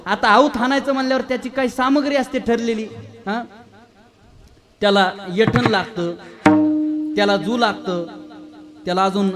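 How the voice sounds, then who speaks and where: A man preaching a kirtan, telling funny stories in an animated, teasing way and quizzing his audience. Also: sits high. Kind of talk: humorous kirtan storytelling.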